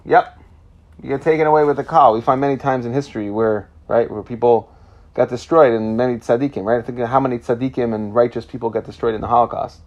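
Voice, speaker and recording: A man's voice: mid-range voice, steady tone, fast talker, lo-fi sound. A man giving an informal Talmud lesson in Yeshivish speech with Yiddish-inflected Hebrew pronunciation, reading phrases and explaining them as he goes. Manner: explanatory, checking in with "right?". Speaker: Torah teacher.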